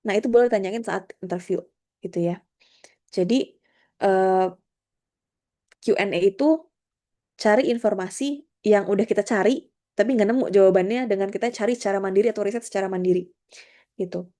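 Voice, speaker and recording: A woman's voice: medium pitch, moderate pace, pauses often, mellow. A woman giving a friendly, conversational workshop on job interviews, talking through her slides. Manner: friendly, conversational, with English terms mixed in. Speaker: career trainer. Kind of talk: online workshop presentation.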